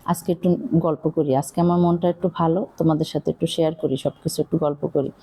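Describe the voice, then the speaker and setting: A woman's voice: low-pitched, flat delivery, a little fast, mellow, slightly rough. A middle-aged woman with a Barishal accent who chats casually while cooking, rambling and confiding, with many fillers. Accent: Barishal Bengali. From Bangladesh. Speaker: cooking vlogger.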